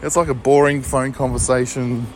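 A man's voice: medium pitch, little pitch movement, moderate pace, darkish tone, a little hiss or hum. Loose, swearing Australian guy. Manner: profane, loose and laughing. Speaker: vlogger. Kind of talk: rambling walking monologue. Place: walking about, partly in a supermarket. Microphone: phone.

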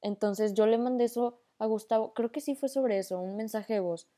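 A woman's voice: fairly high pitch, steady tone, moderate pace, mellow. A young woman with a northern Mexican accent hosting a casual voice-memo podcast, rambling and mixing in English slang. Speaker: podcast host.

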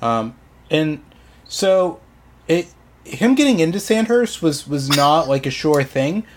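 A man's voice: a little high, very animated, a little hiss or hum. Hesitant man narrating history. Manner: frequent ums, halting restarts. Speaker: podcast host presenting history. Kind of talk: casual history podcast chat.

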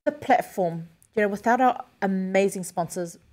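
A woman's voice: medium pitch, normal speed, darkish tone. A woman co-hosting a live podcast in a casual chatting style. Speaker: podcast co-host. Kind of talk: casual live show chat.

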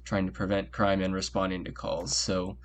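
A man's voice: deep voice, completely flat delivery, normal speed, a little hiss or hum. A man co-hosting a podcast, explaining things in a laid-back way with many fillers, talking over a voice call. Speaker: podcast co-host. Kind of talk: casual chat on a call.

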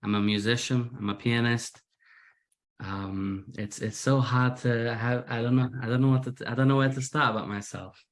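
A medium-pitched voice with fairly even intonation and a moderate pace belongs to an English musician being casually interviewed. His Manchester accent has drifted a little American, and he is self-deprecating, repeating words often as he talks.

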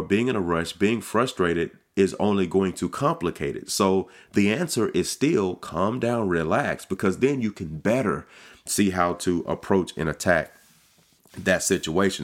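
A man's voice: deep voice, lively intonation, measured pace. A middle-aged man, a pastor, giving a casual devotional podcast talk, conversational and often repeating words as he starts sentences.

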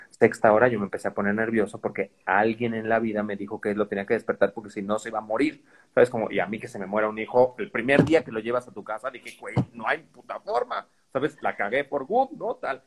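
A man's voice: mid-range voice, husky, low-quality recording. A man with a Mexican accent chatting casually as a podcast guest, slangy and profane, constantly tossing in "¿sabes?". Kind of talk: casual conversational storytelling.

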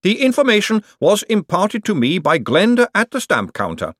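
A man puts on a high, earnest voice for a female golem clerk, stiff and exact in every phrase. The voice is lifted well above his own and pushed a little louder. It is dry and close, with a lively lilt. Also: normal speed, no room sound, full character voice. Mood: apologetic. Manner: formal, stiff, precise.

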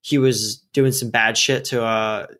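A man's voice: medium pitch, fairly even intonation, unhurried, a bit bright. A young American man bantering casually as a podcast host, talking like a frat bro with lots of slang and swearing.

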